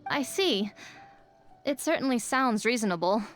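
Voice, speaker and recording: A woman's voice: on the high side, animated, unhurried, a bit bright. An actress voicing a courteous, curious married woman in a video game. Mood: polite. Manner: polite, inquisitive.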